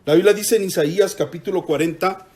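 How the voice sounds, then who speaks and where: A man's voice: sits high, a little fast, a little mellow. A man preaching a sermon in church, emphatic, drawing the congregation into call-and-response.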